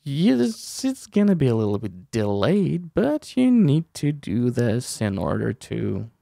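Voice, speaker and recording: A young adult man with a creaky, mid-range voice speaks slowly and animatedly as a tutorial host and streamer in a casual software tutorial. He explains step by step, informally, with playful asides. He sits at a desk in a small indoor room using a close desk microphone with headphones, and the sound is clean studio quality with no echo.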